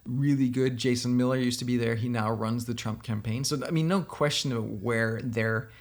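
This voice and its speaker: With a gravelly voice and a Danish accent, a software company founder from Denmark gives opinionated political commentary directly to the viewer. His medium pitch holds a steady tone at a moderate pace as he casually reacts to a blog post.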